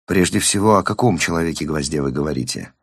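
Jumpy evasive shrink, guarded and hesitant, very low voice , as a narrator reads him. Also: male voice, lively intonation, fast talker, breathy edge, dry recording, clean studio sound, heavily acted. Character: nervous, evasive middle-aged male psychiatrist.

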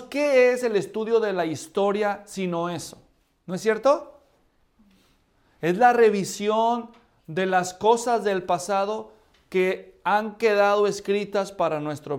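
A man teaching a church history class, asking his students questions and checking in with them often. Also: high voice. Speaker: Bible teacher.

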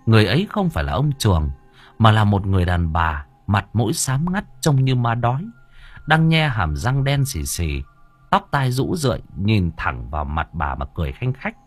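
A man narrating a horror story for an audiobook with expressive storytelling. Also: lowish voice, normal speed, soft background music.

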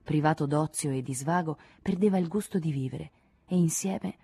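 A woman reading a literary novel aloud in a measured, expressive narration. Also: deep voice, slightly rough, no room sound. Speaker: audiobook reader.

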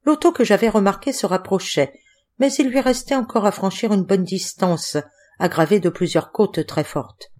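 A woman reading an adventure novel aloud as scripted audiobook narration, measured and expressive. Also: medium pitch. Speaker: audiobook reader.

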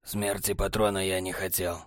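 Cold, scornful male traitor, soft and low, contempt in every word, as a male narrator puts him on. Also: level tone, moderate pace, dry recording, studio quality, lightly acted. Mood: contemptuous. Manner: low, hushed, sneering delivery.

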